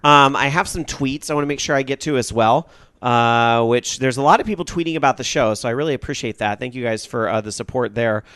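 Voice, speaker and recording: A man hosting a casual gaming radio show, reading tweets and taking calls, his voice jumping up when excited. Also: medium pitch, a little fast, clean tone, dry recording. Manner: excitable, voice jumps up when happy. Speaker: podcast host.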